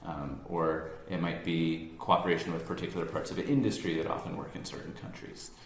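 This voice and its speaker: Here a low-voiced American man from near Boston, on staff at a science organization, presents informally to an audience in an echoey room with a faint hum. He talks briskly with vocal fry, in a relaxed, conversational manner peppered with ums and self-corrections.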